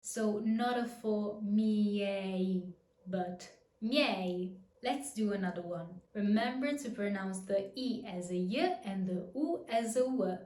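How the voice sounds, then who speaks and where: A woman teaching a pronunciation lesson, patient and clear, demonstrating each word slowly and repeating it. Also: medium pitch, expressive, mellow, echoey room. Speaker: language teacher.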